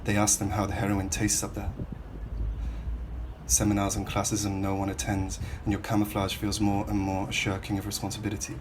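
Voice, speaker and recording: A man from Hull, England, reading his own literary prose in the second person with a measured, reflective, questioning delivery. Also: on the low side, monotone, noisy background.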